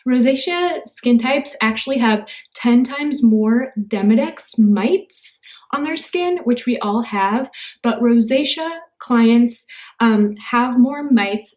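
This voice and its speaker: A woman's voice: on the high side, darkish tone, dull audio. A young adult woman esthetician, talking through her skincare routine in a chatty, talkative way. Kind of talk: casual skincare tutorial.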